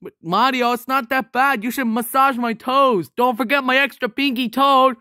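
Luigi, a weary plumber from a plush toy skit, sick with a sore throat, voiced by a man. He talks low and tired in a fairly high voice, sighing often. The sound is close and dry. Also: unhurried, no room sound, natural voice. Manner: low, tired, quiet delivery with sighs.

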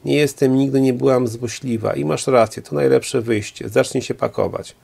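A man's voice: medium pitch, fairly even intonation, moderate pace, vocal fry, darkish tone, slightly rough. A man voicing a hurt, defiant young mother, speaking sharply and mockingly. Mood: pleading, resolute.

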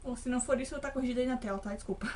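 A woman's voice: sits high, rapid-fire, darkish tone, a little hiss or hum. A woman giving nervous let's-play commentary on a horror game, shrieking when startled. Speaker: gaming video host. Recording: game music behind the voice.

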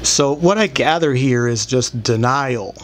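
A man in his thirties hosts his own show, talking to camera in a rambling, blunt, aggrieved and profane monologue. His voice is mid-range and his pace measured. He starts on a desktop microphone in a small room and later holds it in hand, with clear audio, background noise and room ambience.

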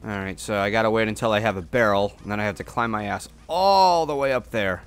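A man doing casual gameplay commentary as a streamer, excitable and foul-mouthed. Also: fairly low pitch, fast, clean tone. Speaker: game streamer. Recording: game music behind. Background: video game music.

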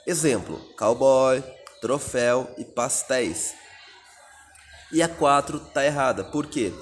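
A man's voice: medium pitch, slow, soft background music. A Brazilian man teaching a recorded exam-prep lesson, reading out answer options and explaining each one step by step. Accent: Brazilian Portuguese.

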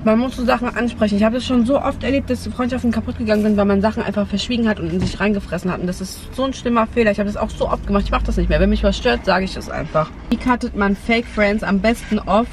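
A woman's voice: mid-range voice, quick pace, few pauses. A young woman giving casual advice as a vlog host, chatting inside a car. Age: young adult. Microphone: camera on the dashboard. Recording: noisy car interior, outdoor ambience.

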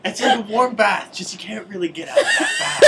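A man's voice: high-pitched, wildly swooping pitch, fairly quick, gravelly, far from the mic, a loud crowd. A sick young man joking playfully with friends. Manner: playful, laughing.

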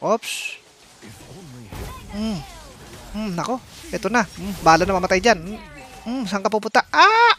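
A man streaming live gameplay, excitable and commenting as he plays, with sudden exclamations and playful taunts at his opponents. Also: high voice, a little slow, long pauses. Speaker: game streamer.

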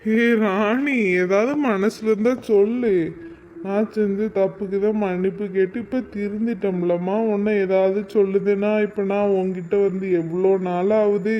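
A man's voice: sits high, little pitch movement, normal speed, dull audio, a little hiss or hum, lightly acted. A man voicing a reassuring, caring husband in a cartoon, coaxing and chatty.

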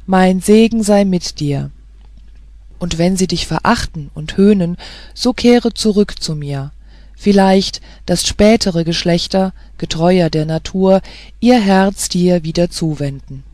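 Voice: medium pitch, slow pace, a little mellow, no echo, close to an everyday voice. A reader voicing a stately, loving queen mother in an audiobook fairy tale, speaking solemnly and tenderly.

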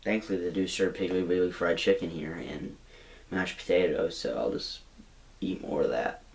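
Playing a downcast young convict in a mockumentary comedy, this young adult man speaks at a moderate pace in a low, gravelly voice. A camera in a small bedroom captures his resigned, rambling delivery full of halting restarts.

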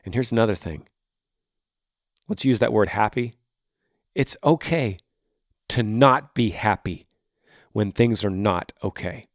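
A man's voice: fairly low pitch, expressive, measured pace, long pauses, no room sound, clean studio sound. A man in his forties hosting a podcast, answering a listener's question with earnest, encouraging, reflective advice. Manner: warm, encouraging, reflective with emphatic rises.

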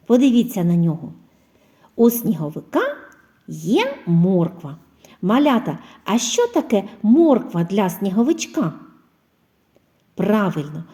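A woman kindergarten teacher giving a phonics lesson to preschoolers, asking questions, pausing for answers and spelling out example words slowly and clearly. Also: mid-range voice, dark tone. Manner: asks questions and pauses for children's answers.

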